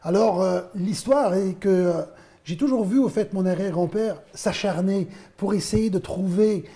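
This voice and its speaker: This is a warm, high-pitched male voice at a moderate pace. He is a wine producer in his fifties, originally Belgian, giving interview answers that explain his work through storytelling full of hesitations.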